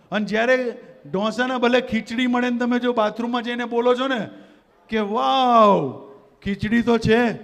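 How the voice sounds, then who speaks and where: High-pitched rousing motivational speaker man. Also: vocal fry. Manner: rousing, leads the audience in call-and-response. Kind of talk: motivational stage talk. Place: community gathering hall. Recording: long hall reverb.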